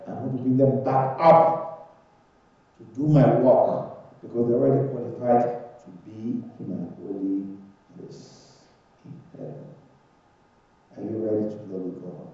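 A middle-aged pastor preaches with a very dark, mellow voice, rising loud and then falling soft. He is heard from far off in a strongly echoing church hall. The sound is dull and muffled. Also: mid-range voice. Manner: preaching with swells of volume and soft drops. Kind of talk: sermon. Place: church sanctuary, indoors. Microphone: far camera.

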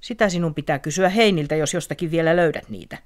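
A woman voicing a grumpy, nimble little springtail that talks gruffly and loudly. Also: low-pitched, natural voice. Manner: gruff, loud, slow.

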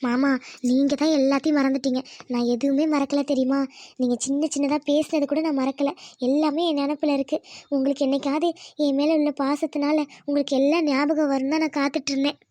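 A woman's voice: sits high, little pitch movement, a little fast, mellow, dry recording, close to an everyday voice. A woman voicing a sweet, coy young village wife, cooing and affectionate in a cartoon.

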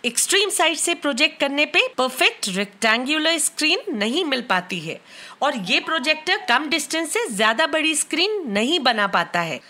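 A woman with an Indian accent reviewing tech products, explaining in a clear, matter-of-fact way. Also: sits high, sing-song, normal speed, sharp tone. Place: bedroom at home.

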